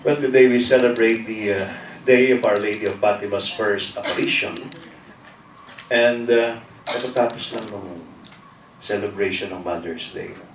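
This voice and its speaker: Male priest, Filipino accent, low-pitched, measured declaiming delivery, heard from afar in cathedral-like echo. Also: fairly even intonation. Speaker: priest, homilist. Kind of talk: liturgical reading and sermon. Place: large echoing church interior. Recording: cathedral-like echo, distant mic, faint noise.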